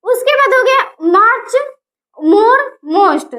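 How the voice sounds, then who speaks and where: Teacher, woman, very high voice, spells words out slowly in a grammar lesson. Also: lively intonation, pushed and bright.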